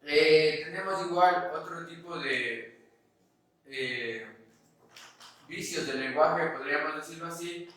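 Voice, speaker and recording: A man from the Ecuadorian highlands with a highland accent, teaching a class and checking understanding with frequent "¿sí?". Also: slow, pauses often, a bit bright. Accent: Ecuadorian highland Spanish. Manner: explains step by step, often checking with "¿sí?". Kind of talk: recorded class lecture. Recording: echoey room, voice from a distance.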